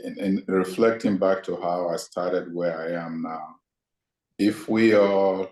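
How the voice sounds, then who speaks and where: A man, a guest scholar answering interview questions in a measured, reflective way. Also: deep voice, a little mellow. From Nigeria. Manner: measured, thoughtful, deliberate. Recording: echoey room sound.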